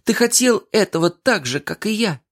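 A man voicing a heartbroken young woman who pleads tearfully and breaks into shrill outbursts. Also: animated, normal speed, fairly bright tone. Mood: furious.

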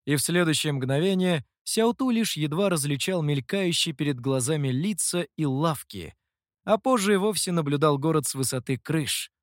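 A man narrating an audiobook in an expressive way. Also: a little high, normal speed, no echo, studio quality.

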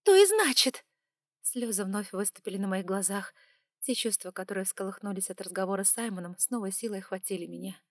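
A woman's voice: mid-range voice, steady tone, fast, no echo. Woman narrating a novel, dry and close. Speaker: audiobook narrator. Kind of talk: first-person audiobook narration.

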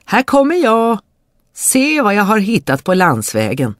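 A storyteller voicing a foolish, cheerful young peasant brother who shouts eagerly in a dry recording. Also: medium pitch, huge pitch swings, no echo, pitched above the performer's own voice. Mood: eager, boisterous.

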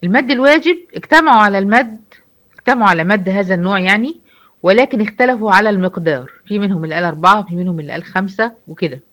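A woman with an Egyptian accent gives a brisk online lesson, moving quickly through her points. Her voice sits in a middle range. She keeps asking the class questions and answering them herself. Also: medium pitch, a bit bright. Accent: Egyptian Arabic. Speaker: Quran recitation teacher. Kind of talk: online lecture.

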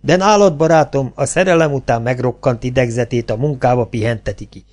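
A man's voice: medium pitch, darkish tone, faint music behind, close to an everyday voice. A man voicing a worldly cabaret actress who lectures her friend in a weary, reproachful way. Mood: lecturing.

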